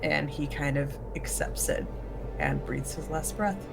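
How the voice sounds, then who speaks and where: Unhurried woman playing a tabletop game. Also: low voice, gravelly, over loud music, rough recording. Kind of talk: casual improvised game talk.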